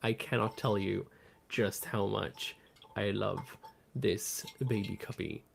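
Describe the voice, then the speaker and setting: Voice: low-pitched, fairly even intonation, creaky, a little hiss or hum. A co-host and convention artist, gushing fondly and telling stories in casual podcast chat. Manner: slow, warm-hearted, gushing storyteller.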